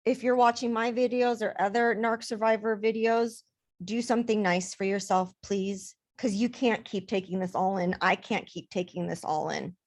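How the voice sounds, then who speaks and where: A woman life coach talking casually to camera in her vlog, emphatic and repeating words for stress. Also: mid-range voice.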